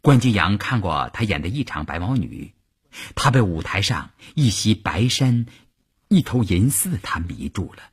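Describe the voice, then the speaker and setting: Husky, animated male storyteller. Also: lowish voice, moderate pace. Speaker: narrator. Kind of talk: audiobook narration.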